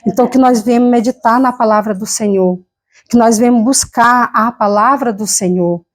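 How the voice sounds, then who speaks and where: A woman's voice: on the high side, moderate pace. A woman from Brazil with a Brazilian Portuguese accent, preaching a fervent, emotional sermon with personal testimony at a church service. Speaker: lay preacher.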